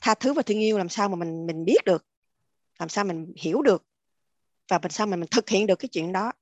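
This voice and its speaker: A woman's voice: medium pitch, expressive, fairly quick, darkish tone, dry recording. A woman hosts a spiritual discussion. She explains through homely examples and laughs easily. Her voice is close and dry, with no room sound around it. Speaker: discussion host.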